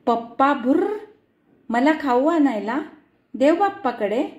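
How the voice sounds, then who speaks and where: Storybook toddler boy, innocent and pleading, with a babyish lisp and a high little voice, echoey room ; a woman puts him on. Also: lively intonation, takes it slowly, a little mellow, highs cut off. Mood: childlike. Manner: babyish lisping speech.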